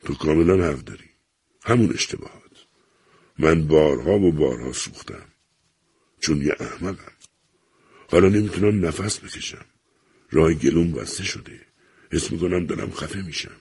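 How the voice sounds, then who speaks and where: A man with a deep, gravelly voice voicing a desperate middle-aged son who pleads with his father and blames himself. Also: long pauses, a little mellow, exaggerated voice. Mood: pleading. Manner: pleading, self-reproaching. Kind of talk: audiobook character reading.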